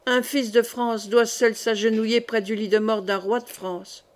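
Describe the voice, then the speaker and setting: A woman's voice: a little high, steady tone, normal speed, close to an everyday voice. A woman reading the part of a scheming queen mother, haughty and insistent.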